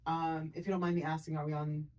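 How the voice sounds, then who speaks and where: A woman hosting a casual podcast chat, playful and quick to laugh as she tells stories. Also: low-pitched. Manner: playful, laughing, animated when telling stories. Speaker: podcast host.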